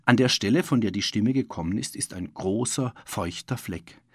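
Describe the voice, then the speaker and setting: A narrator reading a children's story aloud in an expressive, animated way. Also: mid-range voice, normal speed, slightly rough, no room sound, clean studio sound. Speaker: audiobook narrator.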